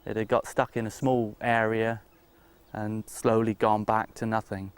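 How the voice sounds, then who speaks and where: A man who works as a deer stalker, explaining informally in a halting, matter-of-fact way. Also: fairly low pitch, little pitch movement, smooth.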